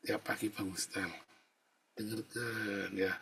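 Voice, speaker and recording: A man pastor preaching a sermon in a chatty, storytelling way, often dropping to a low murmur and then rising into loud emphatic bursts. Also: level tone, a little slow, vocal fry, slight background noise. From Indonesia. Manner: conversational preaching, keeps adding "saudara ya". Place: the Netherlands.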